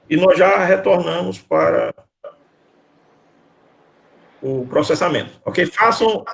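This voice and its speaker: Over a video call, a male university lecturer teaches his class in a high, creaky voice. He calls students by name to quiz them and repeats his questions with patience.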